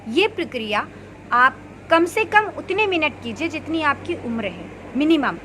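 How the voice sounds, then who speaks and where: A woman in her thirties, a meditation practitioner, earnestly explaining a practice in unhurried casual talk with pauses and fillers. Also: high-pitched, very animated, fairly bright tone, a little hiss or hum. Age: 30s. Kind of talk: casual spoken advice.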